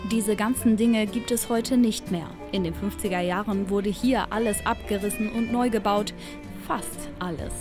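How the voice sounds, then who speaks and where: This young female reporter speaks at normal speed with a medium pitch and a steady tone. She's reading scripted voice-over for a travel TV segment in an easygoing, talkative way, over clear background music.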